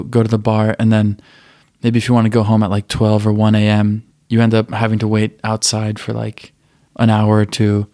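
Flat-voiced man chatting as a podcast guest. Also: fairly low pitch, dry recording, studio quality. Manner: relaxed, easygoing, many fillers. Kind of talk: casual conversation.

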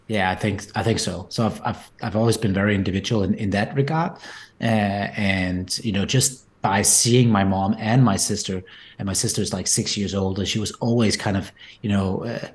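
Fairly low in pitch with fairly even intonation, this man talks at normal speed as a guest entrepreneur on a podcast. He's in his forties, from Denmark, and has a Danish accent, and he speaks thoughtfully with many restarts and repeated words.

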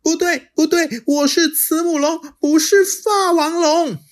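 A woman voicing a young male dinosaur child who is scared and stubborn, in a high, pleading, childish voice for a storybook reading. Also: steady tone, a little slow. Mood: protesting.

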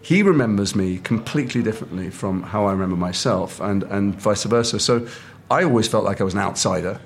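A middle-aged man from England, an actor telling lively anecdotes over lunch and acting out the other people's lines. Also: on the low side, fairly quick. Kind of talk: casual chat, animated anecdote. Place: restaurant table.

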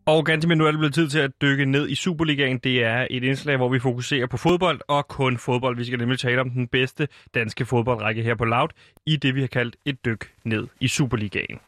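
Radio host guy, teasing his co-host about football, medium pitch, dry studio sound. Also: steady tone, fairly bright tone, no echo, soft background music. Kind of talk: casual radio banter.

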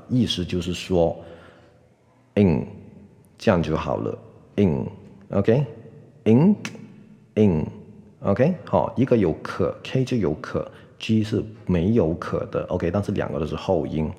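A man teaching English pronunciation on a podcast, patiently repeating words slowly and checking in with "OK". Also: low-pitched, dark tone, in a large hall.

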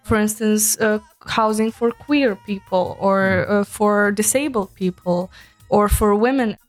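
A woman from Serbia co-hosts a casual podcast and explains things patiently, laughing easily. Her voice sits at a middle pitch, and soft music plays faintly underneath. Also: fairly even intonation, measured pace. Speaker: podcast co-host.

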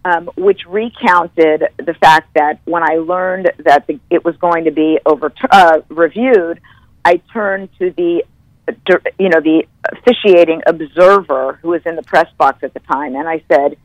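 Animated woman guest on a dry mic. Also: deep voice, a little slow, dry recording, muffled recording. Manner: animated storyteller, corrects herself mid-sentence. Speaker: football analyst guest. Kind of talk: podcast interview.

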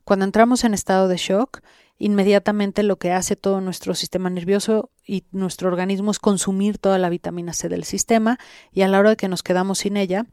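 A woman's voice: mid-range voice, steady tone, brisk, a little mellow, clear, resonant tone, no room sound, studio quality. A woman with a Mexican Spanish accent, speaking as an interview guest in an instructive way, addressing the listener directly. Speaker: interviewed guest who guides sessions. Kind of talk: explanatory podcast interview.

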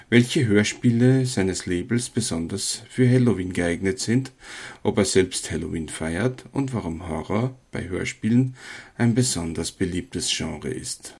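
A man hosting an interview podcast, speaking in a clear introductory manner. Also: on the low side, darkish tone. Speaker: podcast host.

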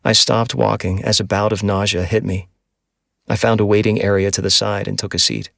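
Gravelly low-voiced male audiobook narrator. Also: fairly even intonation, brisk, fairly bright tone, no room sound, clean studio sound. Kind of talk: first-person audiobook narration.

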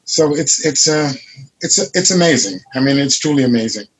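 Husky-voiced male panel guest, mid pitch, reflective storyteller. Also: expressive, moderate pace, low-quality recording. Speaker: martial arts master, panel guest. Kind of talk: panel discussion.

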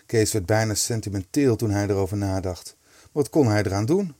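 A man narrating a storybook in a lively, expressive reading. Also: on the low side, moderate pace, dry recording, clean studio sound.

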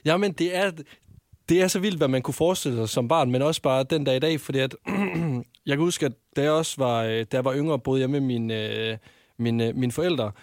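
A young man co-hosting a podcast, recalling a memory in a casual, hesitant, unhurried way. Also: mid-range voice, darkish tone, no room sound, clean studio sound. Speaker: podcast co-host. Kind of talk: casual chat.

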